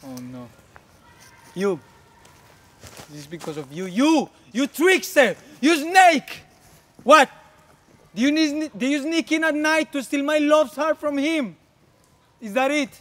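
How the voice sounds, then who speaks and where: A short, hot-tempered young woman on an outdoor stage. Her voice is very high, bewildered one moment and biting the next. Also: slow pace, a bit bright. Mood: furious. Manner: bewildered, then fierce and accusing. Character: Hermia, short young woman, fiery and hurt.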